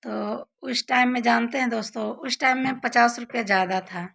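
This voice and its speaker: Bright, chatty young woman vlogger. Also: on the high side, steady tone, normal speed, vocal fry. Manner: chatty, addresses viewers as friends often. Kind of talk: casual storytelling to viewers.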